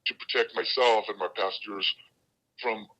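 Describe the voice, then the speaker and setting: Anonymous guy w an altered voice, bright edgy tone, muffled lo-fi sound. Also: fairly low pitch, fairly even intonation, normal speed, husky. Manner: plain-spoken, hesitant. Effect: voice altered to hide identity. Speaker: anonymous bus driver. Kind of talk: news interview.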